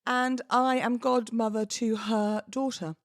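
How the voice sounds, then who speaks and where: On her solo podcast, a British wedding celebrant chats in a playful, theatrical way. Her voice is on the high side and steady in tone, a little slow, captured in clean studio sound with no echo.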